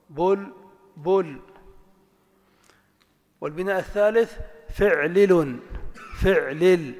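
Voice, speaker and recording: A man's voice: fairly high pitch, a little mellow. Lecturing man in a reverberant hall. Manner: slow, drawn-out spelling of word patterns, asks and answers his own questions. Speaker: teacher. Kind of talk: classroom lecture explaining grammar.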